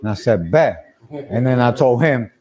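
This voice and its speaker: A young man telling a story casually on a livestream, animated and laughing as he acts out the voices of the people in it. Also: medium pitch, normal speed.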